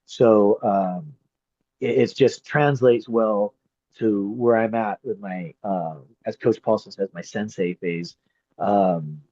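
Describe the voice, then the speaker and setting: Animated, swearing middle-aged man storyteller. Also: on the low side, slow, no room sound. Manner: animated storyteller, swears freely, acts out quoted people. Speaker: podcast guest, grappling referee and coach. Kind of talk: casual chat. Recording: slightly muffled dry podcast audio.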